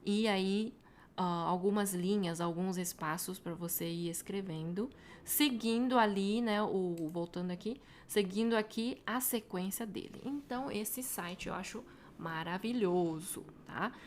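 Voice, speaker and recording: A woman with a Brazilian Portuguese accent, a Mandarin teacher walking viewers through a website in a chatty tutorial, tagging her sentences with quick questions. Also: mid-range voice, slight background noise. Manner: chatty, frequent tag questions. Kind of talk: casual screen-share tutorial.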